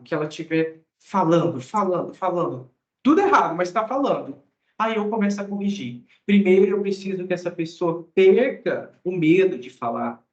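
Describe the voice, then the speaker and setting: Higher-voiced male teacher in an echoey room. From Mato Grosso, Brazil. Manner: conversational, often ends phrases with a questioning tag. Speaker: English teacher. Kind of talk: casual explanatory talk to students. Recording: echoey room, dull lo-fi sound.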